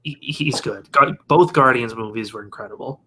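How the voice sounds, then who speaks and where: A man co-hosting a casual podcast, upbeat and quick to laugh. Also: mid-range voice, bright, forceful tone, a little hiss or hum. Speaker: podcast co-host. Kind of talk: casual chat.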